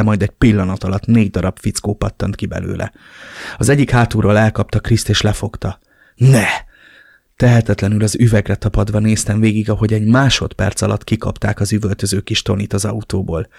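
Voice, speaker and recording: A man reads a novel aloud in the first person, with dramatic, emotional delivery. His voice sits low and has a gravelly edge. The recording is dry and close. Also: a little mellow, no room sound. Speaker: audiobook narrator.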